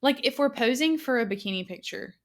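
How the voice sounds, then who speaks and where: A woman's voice: a little high, animated, a little fast. Chatty woman in her twenties. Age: 20s. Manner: chatty, many fillers. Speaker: podcast host. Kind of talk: casual chat.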